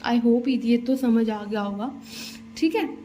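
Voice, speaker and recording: A woman's voice: on the high side, slow, dark tone, a little hiss or hum. A woman teaching shorthand vowels, patiently explaining each rule and checking in often. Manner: patient, repeats "theek hai" and "dekho" often. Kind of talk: explaining steno vowels step by step. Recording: dull lo-fi, roomy echo.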